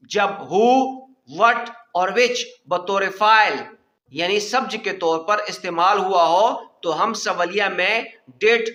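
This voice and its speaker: Male language teacher, very slow and careful drilling of example sentences, roomy echo. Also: high-pitched, pushed and bright. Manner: reads English examples very slowly, then translates in quicker Urdu. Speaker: English teacher. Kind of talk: bilingual grammar lesson.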